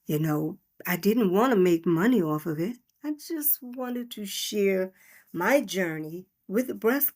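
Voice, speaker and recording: A woman's voice: medium pitch, darkish tone. A middle-aged woman hosting her own podcast, telling a personal story in a heartfelt, conversational, unscripted way. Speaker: podcast host. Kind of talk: personal reflective monologue.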